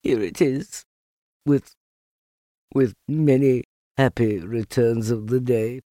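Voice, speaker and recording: A man's voice: medium pitch, takes it slowly, warm tone, no room sound, studio quality, lightly acted. A man voicing a small, timid young piglet with a meek, hesitant manner in a storybook reading. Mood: meek, miserable.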